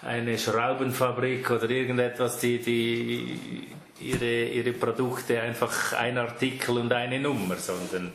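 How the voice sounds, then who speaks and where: A man's voice: medium pitch, a bit bright. A man with a Swiss German accent, a butcher who owns his shop, chatting easily in an interview and laughing often. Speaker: butcher, fourth-generation shop owner. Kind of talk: casual interview answers. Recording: echoey room with faint noise.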